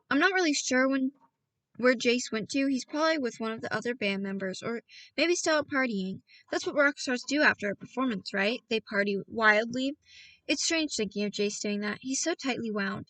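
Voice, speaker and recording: This audiobook reader is a woman whose voice sits high with a sharp edge. She reads a novel casually and playfully, often stopping mid-flow to chat with her audience and putting on voices. The audio is rough and roomless, captured from a distance.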